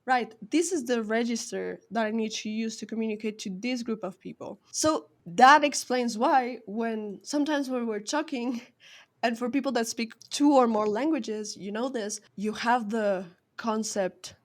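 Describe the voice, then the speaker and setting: On a relaxed podcast, a Spanish-speaking woman with a higher-pitched voice co-hosts, talking a little slowly. She comes across as thoughtful and academic, explaining things carefully.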